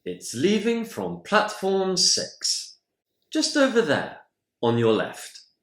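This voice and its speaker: Polite helpful ticket clerk, a male teacher playing it, slow and clear, echoey room. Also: high voice, wildly swooping pitch, a bit bright, voice pushed up, full character voice. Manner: polite, helpful service talk.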